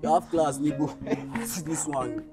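An actor with a Nigerian accent playing a rough teen sidekick who jeers at a new student. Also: mid-range voice, normal speed, natural voice. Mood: jeering. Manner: jeering, laughing at the new kid. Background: music.

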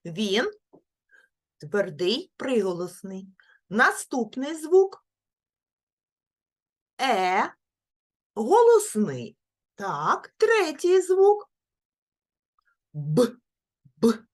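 Slow, husky-voiced preschool teacher woman. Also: on the high side, wildly swooping pitch. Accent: Ukrainian. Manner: coaxing, praising, repeats words slowly. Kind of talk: slow, clear speech lesson for young children.

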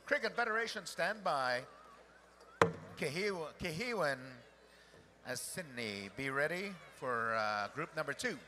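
A man working as a powwow emcee, announcing and calling up dancers and drum groups, moving between relaxed notices and hyped, drawn-out calls. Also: on the high side, crowd noise.

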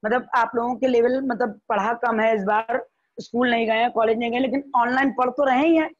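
A woman's voice: on the high side, steady tone, a little fast, muffled recording. A woman teacher with an Indian accent giving a classroom biology lecture, repeating points and checking that students follow.

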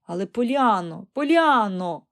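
Female reader doing a prim middle-aged aunt for an audiobook, scolding, sharp, exasperated. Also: medium pitch, animated, moderate pace, natural voice.

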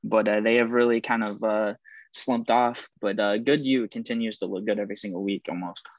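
A young man giving a plain, steady sports analysis as a guest on a video call. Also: fairly low pitch, brisk, no room sound. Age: young adult. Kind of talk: sports recap chat. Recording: dull, dry video-call audio.

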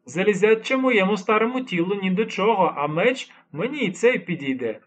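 A man's voice: sits high, expressive, moderate pace, pitched above the performer's own voice. A man voicing a stubborn, lisping ninety-year-old man who is secretly a skilled swordsman, in an audiobook. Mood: lecturing, teasing. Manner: mocking, patiently lecturing. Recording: dull lo-fi recording.

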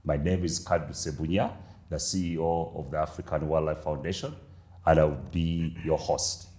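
A middle-aged man hosting a formal interview, speaking in a measured way with frequent hesitations. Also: rumbling low, steady tone, a little mellow, echoey room. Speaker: interview host. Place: room with a large window.

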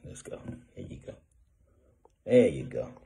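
Young dad with a gravelly voice, slangy and playful, sweet-talking his baby while feeding him. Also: a bass voice, big pitch swings, measured pace, very noisy. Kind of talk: casual talk to a baby.

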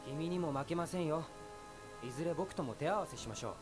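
A man's voice: on the high side, fast talker, breathy edge, soft background music. A man voicing a polite, self-assured young prince in a video game, courteous but boastful. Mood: smug. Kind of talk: game character dialogue.

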